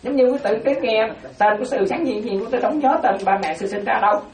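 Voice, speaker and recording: A woman, a Buddhist nun, giving a dharma talk, often checking that her listeners follow and slowly repeating names for them. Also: a little high. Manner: keeps asking the audience if they follow; animated, repeats terms slowly. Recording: roomy echo, voice from far off.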